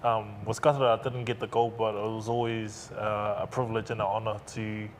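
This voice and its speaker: A young man from Samoa, an athlete, answering interview questions calmly and steadily. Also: lowish voice, moderate pace. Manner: calm, steady, repeats phrases. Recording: clear background noise.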